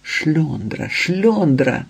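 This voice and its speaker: A man voicing an obsessed, desperate young man in an audiobook, his own husky voice raised in anger or dropped to a plea. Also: on the high side, sing-song, very slow, exaggerated voice. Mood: furious. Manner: desperate, pleading.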